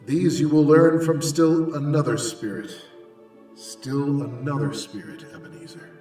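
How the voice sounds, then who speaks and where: A man's voice: on the high side, fairly even intonation, measured pace, natural voice. A man playing a solemn, foreboding spirit in an old-time radio drama. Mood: solemn, fading. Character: solemn, foreboding Ghost of Christmas Present, aging spirit. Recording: echo effect, distant, music underneath.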